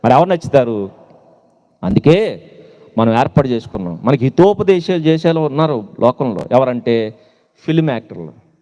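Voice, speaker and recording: A man with a mid-range, dark-toned voice preaches a sermon to young people in a sing-song manner at a moderate pace, leaving long pauses. He asks rhetorical questions and mocks his listeners with teasing asides, speaking with a Telugu accent. The recording carries a long hall reverb.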